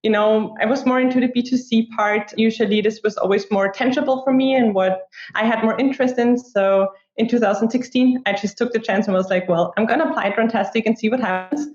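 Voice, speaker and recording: A woman's voice: a little high, steady tone, fairly quick, a little mellow. A woman in her twenties from Austria, a guest in a casual interview, chatty and full of "like" fillers. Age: 20s. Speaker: guest, product marketer. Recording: echoey room, dull lo-fi sound.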